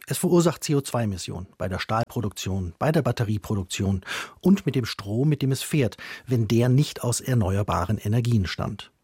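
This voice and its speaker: A man with a husky voice, a science correspondent, explaining a study in a plain scripted report. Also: medium pitch, expressive, a little fast, darkish tone, no echo, studio quality.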